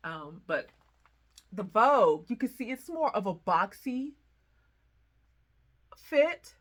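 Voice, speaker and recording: A middle-aged woman from the American Midwest, chatting excitedly to camera as a sewing vlogger, gushing and quick with asides. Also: medium pitch. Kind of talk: casual chat to camera.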